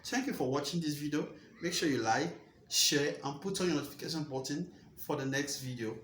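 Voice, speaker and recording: A man's voice: fairly high pitch, animated, a little fast, a bit bright, roomy sound, a little hiss or hum. Patient man teaching French grammar. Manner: patient, repeats points, asks rhetorical checks. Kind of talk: explaining grammar lesson.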